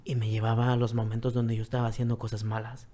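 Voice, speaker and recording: A man from Mexico with a Mexican accent, telling a personal story as a guest in an earnest, repetitive way that often drops to a soft near-whisper. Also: mid-range voice, monotone, fast, a little hiss or hum. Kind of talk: personal testimony, conversational storytelling.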